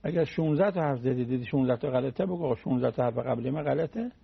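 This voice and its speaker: A man with a gravelly, husky voice gives a relaxed religious talk, illustrating his points with plain stories and examples. The sound is muffled, as on an old radio broadcast. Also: mid-range voice. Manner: folksy, uses everyday anecdotes and examples. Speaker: cleric giving a religious talk.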